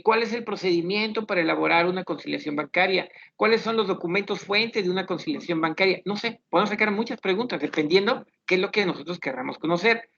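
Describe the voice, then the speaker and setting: A man teaching an online class, thinking aloud as he reviews student questions in a measured, explanatory way. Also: sits high, gravelly, fairly bright tone. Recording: dull lo-fi online class audio.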